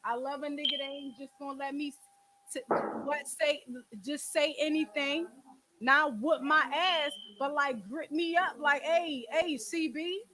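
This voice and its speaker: Poor audio captures this Philadelphia podcast and call-in host in her twenties as she talks casually and candidly about relationships. Her high-pitched voice is pushed and bright, a little slow, with fairly even intonation, while her manner stays blunt, emphatic, slangy, and full of swearing.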